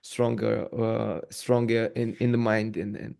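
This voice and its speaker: Halting male podcast interviewer. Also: lowish voice, level tone, creaky, darkish tone. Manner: halting, many fillers and repeated yeahs. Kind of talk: casual interview chat.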